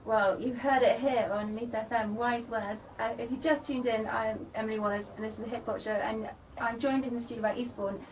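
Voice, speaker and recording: Higher-voiced woman radio host, distant mic. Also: fairly even intonation, brisk, hardly any pauses, slight background noise. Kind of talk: radio interview. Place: radio studio.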